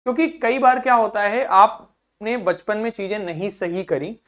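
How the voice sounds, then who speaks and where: Guy teaching english vocab to school kids, hindi and english mixed, says each word slowly over and over, keeps asking "theek hai?". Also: high-pitched, fairly bright tone. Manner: drills words syllable by syllable, repeating each several times; peppers speech with "theek hai" checks to the class. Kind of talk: classroom lesson for school students.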